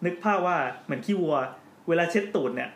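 A man's voice: fairly high pitch, animated, fast talker, vocal fry. A man hosting a podcast in casual chat, joking as he explains at length. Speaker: podcast host. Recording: roomy with faint background noise.

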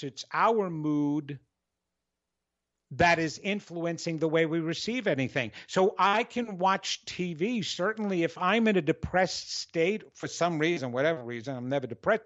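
A man with a New York accent, hosting a radio talk show with an animated, energetic, dramatic way of speaking. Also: high voice, lo-fi sound. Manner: dramatic, expressive, repeats and restarts. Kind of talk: solo talk monologue.

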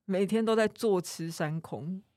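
A Taiwanese woman co-hosts a casual podcast while speaking through a face mask. Her medium-pitched voice sounds a little covered by the mask, in a dry space with hardly any echo. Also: a little slow, mellow. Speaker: podcast co-host.

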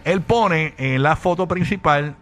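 A man's voice: fairly high pitch, unhurried, fairly bright tone, slight background noise. A man hosting a casual radio show, chatty and stumbling over his words as he reads posts aloud. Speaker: radio host.

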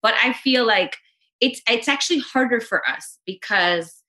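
A woman's voice: fairly high pitch, animated, moderate pace, bright, forceful tone. A woman from Los Angeles, a radio co-host, chatting casually and emotionally as a podcast guest, full of "you know what I mean".

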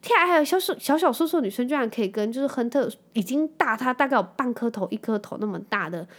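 A podcast host in her thirties with a Taiwanese Mandarin accent leads a casual storytelling chat, chatty and dropping English words into her talk. Her voice is on the high side and animated, at a quick pace.

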